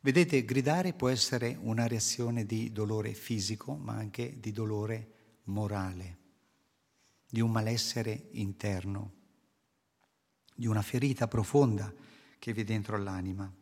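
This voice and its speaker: A man's voice: on the low side, a little slow, darkish tone. A man preaching a sermon to a congregation, explaining scripture earnestly and posing rhetorical questions. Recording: long hall reverb.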